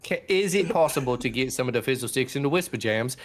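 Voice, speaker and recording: A man's voice: mid-range voice, lively intonation, fast. A man playing a tabletop role-playing game, talking in character in an impatient, pushy way. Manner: impatient, pushy, breaks into laughter. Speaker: player.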